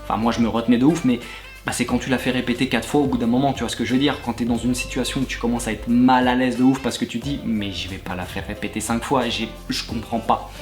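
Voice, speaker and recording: A YouTuber reminisces about coaching at a gym, delivering raunchy jokes and anecdotes to the camera at a fast clip in a medium-pitched voice. He's animated, laughs often, and the room is echoey with soft background music.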